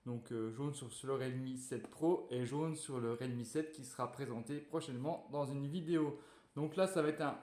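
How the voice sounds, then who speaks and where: A man's voice: medium pitch, normal speed, darkish tone. A man casually chatting while unboxing a phone, hesitant and full of fillers. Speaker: tech reviewer unboxing a phone. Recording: echoey room.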